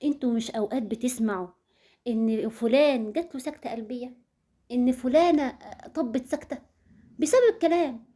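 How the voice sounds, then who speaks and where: A woman's voice: high voice, fairly quick, mellow. A woman with an Egyptian Arabic accent giving earnest marriage advice, speaking straight to her listeners and repeating words for emphasis. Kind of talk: advice talk to viewers.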